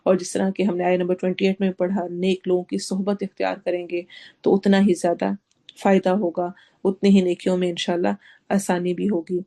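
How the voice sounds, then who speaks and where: A woman teaching Quran recitation, reciting each phrase slowly and then explaining each sound, with English words mixed into her teaching. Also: on the low side, completely flat delivery, dark tone. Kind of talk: tafsir and tajweed lesson.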